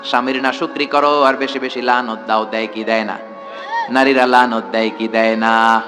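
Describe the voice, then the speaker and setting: A man's voice: medium pitch, noisy background. A man preaching a sermon to a large gathering in a tent, throwing rhetorical questions at the crowd and calling for responses.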